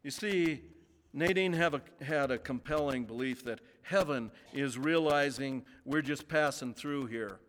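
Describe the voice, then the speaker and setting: A male pastor preaching a sermon in a church, speaking slowly with emphatic pauses. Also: medium pitch, a bit bright. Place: church sanctuary. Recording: long reverb of a large sanctuary.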